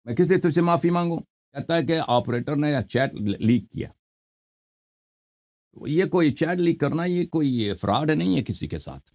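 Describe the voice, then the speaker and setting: A man's voice: fairly high pitch, animated, darkish tone. Male call-in host, confrontational, interrupts and lectures. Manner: scolding, accusing, cuts in over the caller. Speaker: show host. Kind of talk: confrontational live call-in debate.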